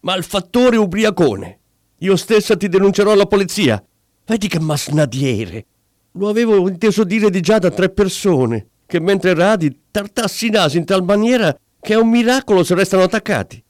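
A man voicing a furious wife who scolds in a shrill, high voice. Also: sing-song, brisk, warm tone, slightly rough, dry recording, studio quality, exaggerated voice.

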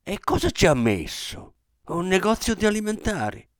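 A man's voice: high voice, very animated, normal speed, no echo, clean studio sound, voice pushed up. A man voicing a bitter, grumbling aging shopkeeper in a dramatic radio reading.

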